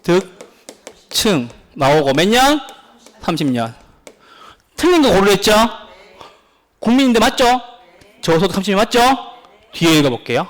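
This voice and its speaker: A man teaching a real estate exam prep class, lively and insistent, constantly quizzing his students with questions. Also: high voice, normal speed, pauses often. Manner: pleading, insistent.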